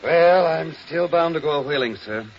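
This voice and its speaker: A man's voice: a little high, moderate pace, a little hiss or hum, natural voice. An actor playing an earnest young sailor who narrates his whaling voyage in literary, dramatised audio drama style. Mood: eager, curious. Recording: dull lo-fi radio drama, loud music.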